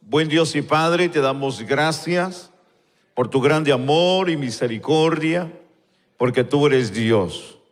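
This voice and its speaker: A man leading a slow, fervent prayer before a congregation, repeating "Lord" between phrases. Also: fairly high pitch. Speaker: pastor. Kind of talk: spoken prayer and sermon. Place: church sanctuary, recorded live. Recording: long church hall reverb.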